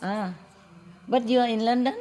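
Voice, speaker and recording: A woman's voice: a little high, moderate pace, warm tone. A woman spiritual teacher chatting casually with a gathering, playful and laughing often, in broken English.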